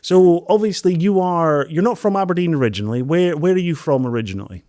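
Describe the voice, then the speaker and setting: A man hosting an interview podcast, energetic and excitable, chatting casually and laughing often. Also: a little high, quick pace, no room sound, clean studio sound. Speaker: podcast host.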